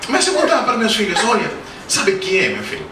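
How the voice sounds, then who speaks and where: A man in his forties with a high-sitting voice talks quickly, his pitch swooping wildly, as he gives a funny spiritist lecture packed with anecdotes and questions to the crowd. He's a guest speaker, a native Spanish speaker with a Spanish-speaking accent in Portuguese, recorded by a distant mic in a roomy lecture hall with background noise.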